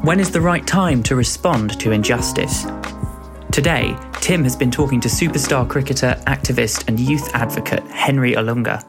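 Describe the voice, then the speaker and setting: A podcast host with a mid-pitched male voice. He greets his guest warmly and sounds upbeat as he leads the conversation. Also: normal speed, music in the background. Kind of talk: podcast interview.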